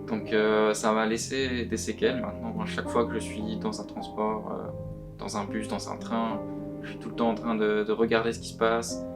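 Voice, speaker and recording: A young man giving anonymous testimony, his voice disguised by being pitch shifted deeper, speaking earnestly and haltingly. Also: little pitch movement. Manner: earnest, halting, often repeats words. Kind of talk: recorded testimony, answering questions. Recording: guitar music underneath. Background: plucked guitar music.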